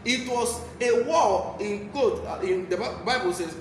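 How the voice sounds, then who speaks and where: A man's voice: high-pitched, measured pace. A man with a Nigerian accent preaching a Bible teaching sermon in an emphatic, repetitive way. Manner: emphatic, repeats key phrases. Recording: echoey room, clear background noise.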